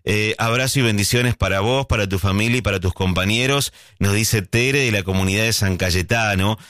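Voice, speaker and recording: A man's voice: lowish voice, normal speed, no room sound, clean studio sound. A man with an Argentine accent hosting a late-night call-in radio show, musing and reminiscing at an easy pace. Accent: Argentine Spanish. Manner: musing, reminiscent, relaxed, speaks over soft music. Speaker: radio host. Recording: faint music behind.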